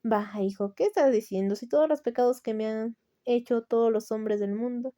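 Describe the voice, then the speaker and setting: A woman with a Latin American Spanish accent voicing a kindly male friar who gently reassures a penitent in a storybook reading. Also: a little high, moderate pace, dry recording, clean studio sound, close to an everyday voice. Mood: reassuring.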